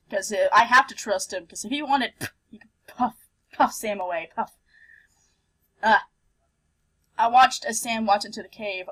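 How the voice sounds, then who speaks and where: A playful, expressive woman hosting a let's play, switching between reading game text aloud and casual commentary. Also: a little high, rough recording.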